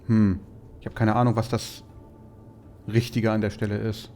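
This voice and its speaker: A man's voice: on the low side, flat delivery, moderate pace, a little mellow. A man playing a video game, thinking aloud and reading out his dialogue choices in a pensive way. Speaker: let's player. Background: game music.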